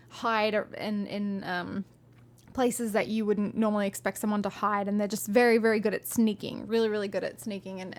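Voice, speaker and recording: A woman with a medium-pitched voice streams live, reading a fantasy novel aloud and chatting with viewers in a friendly, rambling way, saying "um" often.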